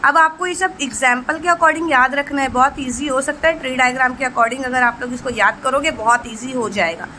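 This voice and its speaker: Woman teacher doing exam prep, high bright voice, asks her own questions then answers, calls students kids. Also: brisk, hardly any pauses, a little hiss or hum, poor audio. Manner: asks rhetorical questions and answers them herself; mixes Marathi terms with Hindi explanations.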